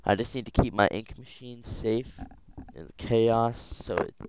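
A man's voice: mid-range voice, a little slow, background noise, close to an everyday voice. Man putting on a theatrical, secretive company engineer. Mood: secretive, urgent. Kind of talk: dramatized read-aloud of a game note.

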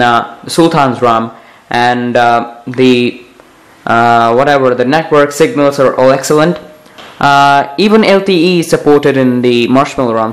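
Young male tech vlogger, mid-pitched voice, casual and rambling, often stalling mid-sentence. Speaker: tech video host. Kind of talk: casual phone software overview vlog.

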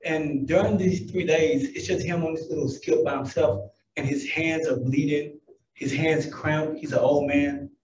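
A man from Alabama with a hoarse, raspy voice after losing it, giving a casual conference book talk. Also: a little high, steady tone, unhurried, darkish tone, slight background noise. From Alabama, USA. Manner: casual, conversational retelling. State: hoarse, lost voice. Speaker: book review presenter. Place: conference hall. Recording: echoey hall, distant mic, dull sound.

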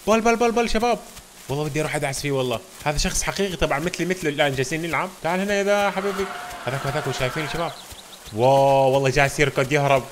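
Rapid-fire excitable man gaming. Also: a little high, slight background noise. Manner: excitable, constantly talking to viewers as "guys". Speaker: gaming channel host. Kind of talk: let's-play game commentary.

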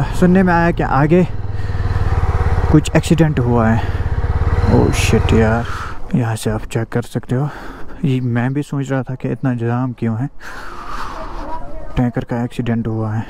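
A man's voice: mid-range voice, steady tone, measured pace, pauses often. A young man narrating a casual travel vlog while riding a motorbike on a mountain road, recorded on an action camera. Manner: chatty, asks locals questions. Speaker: motovlogger. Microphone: helmet or bike-mounted action camera. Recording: outdoor road with traffic noise.

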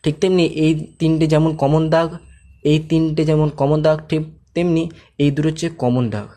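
Man, teacher, somewhat high voice, patient, long drawn-out letters, asks learners to repeat. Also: fairly even intonation, warm tone. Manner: asks the viewer to follow along and checks understanding. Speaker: Quran reading teacher. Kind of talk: step-by-step recitation lesson.

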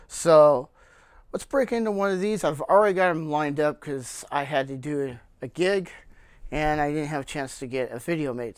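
A man hosting his own channel, casually showing his equipment cases off camera, with lots of fillers and frequent throat clearing. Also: fairly high pitch, no room sound. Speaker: channel host reviewing gear cases. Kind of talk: casual product show-and-tell. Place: indoor room with cloth backdrop, speaking off camera.

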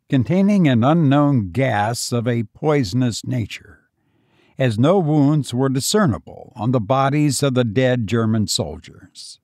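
A man narrating a story as host of a reading program, in a measured, expressive manner. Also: medium pitch, dry recording, studio quality.

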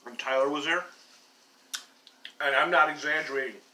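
A man's voice: a little high, moderate pace, pushed and bright, a little hiss or hum. An American man chatting easily and telling stories at a home table while eating, talking with his mouth full. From United States. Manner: easygoing, chatty storyteller. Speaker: mukbang co-host. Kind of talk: casual chat while eating. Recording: roomy sound, away from the mic.

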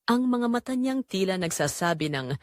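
A woman with a Filipino accent narrates a first-person scripted audio drama in a confessional, storytelling manner. Her medium-pitched voice has lively intonation at normal speed, recorded in studio quality with no room sound.

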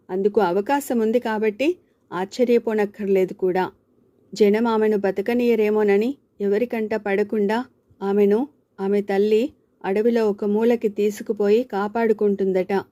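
Mellow-voiced woman reading a story. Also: mid-range voice, dry recording. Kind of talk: read-aloud story narration.

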